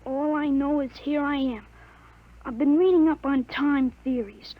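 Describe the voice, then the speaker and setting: On a dull, lo-fi old recording from a 1950s radio drama, a woman plays a thirteen-year-old boy who has a grown man's mind. Her voice sits high and she speaks unhurriedly. She sounds calm, matter-of-fact, and self-assured.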